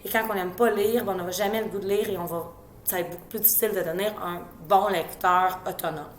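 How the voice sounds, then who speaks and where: A woman with a Québécois French accent, an educator giving parents reading tips in a casual teaching tone, slowly sounding out letters and syllables. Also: medium pitch, fairly even intonation, reverberant, slight background noise. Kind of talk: informal instructional talk.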